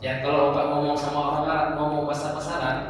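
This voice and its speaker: A man's voice: fairly high pitch, level tone, rapid-fire. A man teaching an Arabic class, joking and imitating Arabic dialects, recorded from afar in a mosque hall. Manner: jokey, mimics Arabic dialects. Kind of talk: classroom lesson. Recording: echoey hall, distant mic, faint hiss.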